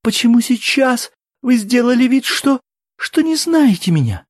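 A desperate older woman cries and pleads in a high, strained voice, as a male audiobook reader puts her on. Her voice swings widely in pitch and sits dry and close to the mic. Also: lively intonation, extremely slow, darkish tone, slightly rough, no room sound, full character voice. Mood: distraught.

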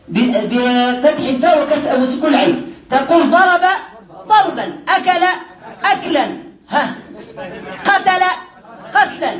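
High-voiced man teaching a class. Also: fairly bright tone. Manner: quizzes the class often, slows down to stress word patterns. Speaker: teacher of Arabic morphology. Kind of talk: classroom lesson. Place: classroom with students. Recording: roomy classroom from a distant mic with class murmur.

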